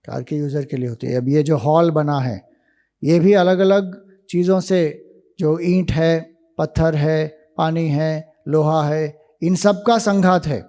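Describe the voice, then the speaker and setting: A man giving a spiritual discourse, explaining ideas slowly with rhetorical questions to listeners in a hall. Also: on the high side, fairly even intonation, dark tone. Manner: slow, deliberate, rhetorical questions. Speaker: spiritual teacher. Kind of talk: Vedanta discourse to youth camp.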